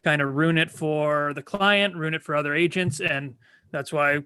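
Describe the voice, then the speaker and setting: A man's voice: on the high side, steady tone, normal speed, pushed and bright, smooth, no echo. A man in his twenties, a podcast guest, talking bluntly and swearing freely in casual chat. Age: 20s. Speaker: guest, real estate agent.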